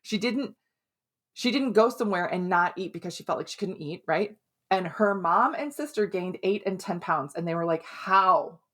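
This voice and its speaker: Chatty woman health coach, lowish voice. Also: lively intonation. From Minnesota. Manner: chatty, keeps asking "right?"; laughs often, quick asides. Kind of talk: casual advice talk to camera.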